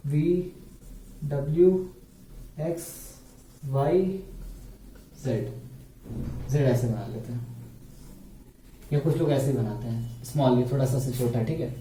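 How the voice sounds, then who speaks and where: A man's voice: medium pitch, moderate pace, pauses often, mellow, recorded from a distance, slight background noise. A man teaching a beginners' grammar lesson at a board, explaining step by step and asking and answering his own questions. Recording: echoey room, voice off-mic.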